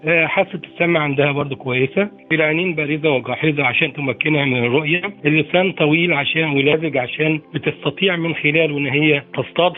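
An Egyptian man explaining informally as an expert, halting often over filler phrases. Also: a little high. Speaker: expert interviewee. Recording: narrow, phone-like sound. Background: faint music.

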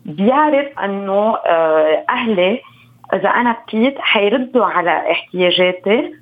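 A woman's voice: medium pitch, normal speed. Lebanese woman expert on a phone line. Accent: Lebanese Arabic. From Beirut. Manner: explanatory, calm, instructive. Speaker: parenting expert guest.

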